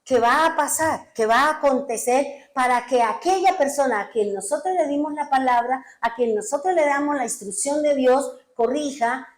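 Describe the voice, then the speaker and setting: A woman pastor delivers an emphatic sermon, firing rhetorical questions at her congregation. Her voice sits fairly high for a woman. The room around her is echoey. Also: normal speed, few pauses.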